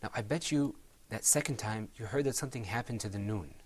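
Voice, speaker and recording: A man's voice: on the low side, over a noisy crowd. A man teaching Quran recitation rules to a small class, patiently modeling sounds and encouraging students. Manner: encouraging, drawn-out modeling of pronunciations.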